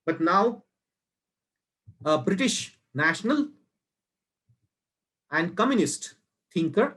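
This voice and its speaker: A man from India delivers a formal academic lecture at an unhurried pace. His voice sits high for a man, and he pauses between short phrases as he builds each point. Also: a bit bright.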